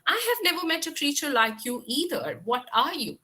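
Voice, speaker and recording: A woman voicing a calm, puzzled male snake in a told story, speaking plainly. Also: sits high, normal speed, pitched above the performer's own voice, exaggerated voice.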